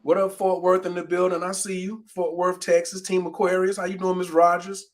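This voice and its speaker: A man's voice: sits high, level tone, fairly quick. Easygoing male livestream host. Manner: easygoing, gives viewers shout-outs. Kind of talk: casual livestream chat.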